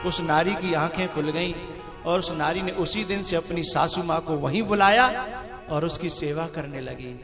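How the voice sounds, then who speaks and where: A man's voice: fairly high pitch, normal speed. A man preaching a devotional sermon, telling a moral story with emphatic, fervent stress. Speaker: spiritual preacher. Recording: echoey hall with music.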